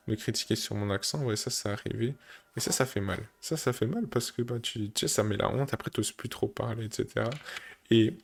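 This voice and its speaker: A man talking casually to camera, thinking aloud with many fillers and restarts, seated indoors on a creaky chair. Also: fairly low pitch, a little hiss or hum. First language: French. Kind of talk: casual reflective monologue.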